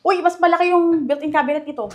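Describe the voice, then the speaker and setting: A woman's voice: very high-pitched, fast, slight background noise. A young woman with a Filipino accent giving a casual house tour, chatty and enthusiastic as she points out features room by room. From Philippines. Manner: chatty and enthusiastic, mixing Tagalog and English. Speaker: real estate house tour host. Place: indoors in a furnished house.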